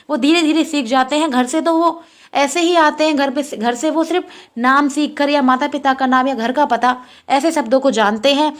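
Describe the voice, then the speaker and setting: A young woman teaching an exam-prep lecture, repeating each point and asking questions she then answers herself. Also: high-pitched.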